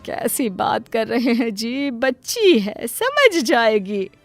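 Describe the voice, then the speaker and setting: A woman's voice: on the high side, sing-song, slow pace, gravelly, soft background music, full character voice. A woman voicing a doting, long-suffering mother. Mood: tender. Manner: pleading, self-sacrificing.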